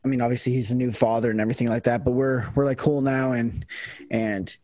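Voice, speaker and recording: A man's voice: mid-range voice, steady tone, fast talker, warm tone, no echo. A young man hosting a casual podcast chat, rambling with lots of fillers and restarts. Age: young adult. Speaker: podcast host and college football kicker.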